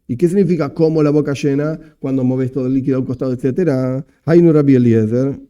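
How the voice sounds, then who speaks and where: A man with an Argentine Spanish accent, teaching a Talmud lesson as a rabbi, explaining step by step and reading Aramaic phrases slowly. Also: mid-range voice, warm tone, clean tone.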